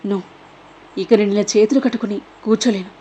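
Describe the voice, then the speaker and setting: A woman's voice: medium pitch, steady tone, fairly quick, warm tone, slight background noise, close to an everyday voice. A woman voicing a frightened young daughter held captive who speaks in a raised, shaky voice. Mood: resolute. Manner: tearful, then resolute. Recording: dull lo-fi recording.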